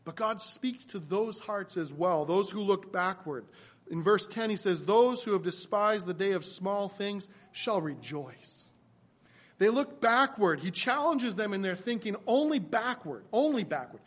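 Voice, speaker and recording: High-voiced preacher swinging loud to soft. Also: male voice, animated, unhurried. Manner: builds to loud emphatic peaks, then drops soft and low. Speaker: pastor. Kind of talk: sermon.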